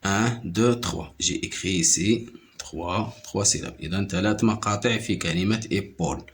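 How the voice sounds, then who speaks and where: A man teaching a lesson to young pupils. He repeats each word slowly, counts out its syllables and switches between French and Arabic to explain. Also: fairly low pitch, a little hiss or hum. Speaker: primary school French teacher. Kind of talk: slow classroom-style lesson.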